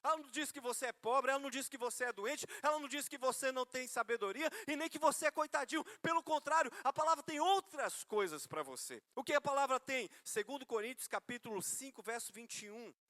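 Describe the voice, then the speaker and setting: Brazilian male preacher, high and forceful voice, chatty sermon storytelling, rhetorical questions to his listeners. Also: fast talker, hardly any pauses, no room sound. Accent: Brazilian Portuguese. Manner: conversational, storytelling with self-mocking humor; asks listeners rhetorical questions, calls them brother.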